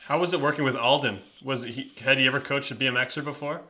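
A man's voice: mid-range voice, fairly even intonation, quick pace, pushed and bright. A man hosting a casual interview, asking curious, friendly questions. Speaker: interviewer, host.

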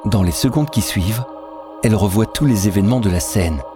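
A man with a fairly low voice narrates a story, telling it steadily and descriptively. Clear music plays behind him throughout. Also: fairly quick.

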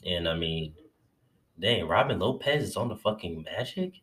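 A man giving a casual, profane recap of his team's win, excitable and swearing often, while getting over covid and feeling a bit lightheaded. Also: low-pitched, normal speed. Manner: loose, profane, excitable fan talk. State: recovering from covid, a little lightheaded. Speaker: sports fan vlogger.

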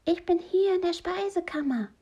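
A woman voicing a chatty, flustered witch stuck in her pantry, hurried and talkative. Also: extremely high pitch, warm tone, highs cut off, pitched above the performer's own voice.

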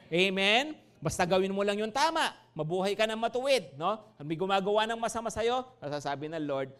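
A man's voice: sits high, a bit bright, smooth. A Filipino man preaching a sermon as pastor, joking and calling out to the congregation. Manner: humorous, calls out to the congregation.

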